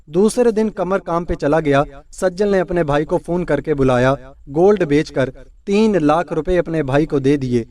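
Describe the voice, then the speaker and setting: A man narrating a story in a steady, plain storytelling manner from a script. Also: on the high side, recorded from a distance.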